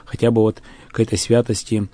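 A man in a religious discussion, speaking haltingly with many fillers and restarts. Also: fairly low pitch, flat delivery, mellow.

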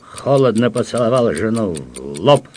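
A man's voice: mid-range voice, sing-song, normal speed, a little mellow, a little hiss or hum. A man reading a comic story aloud with melodramatic delivery, acting out the dialogue. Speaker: narrator.

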